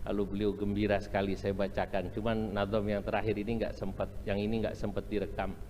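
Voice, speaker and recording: A man's voice: on the low side, little pitch movement, brisk, darkish tone, slight background noise. A middle-aged man from Indonesia, giving a humorous religious lecture that slips into chanted Arabic phrases. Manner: chants and sings Arabic phrases, jokes about regional accents. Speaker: Islamic preacher. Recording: echoey hall, faint room ambience.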